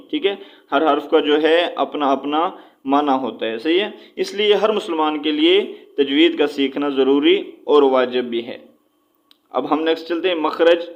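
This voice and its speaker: A man teaching a spoken recitation lesson. He repeats each point, checks in often with "okay", and slows right down to sound out letters. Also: on the high side, lo-fi sound.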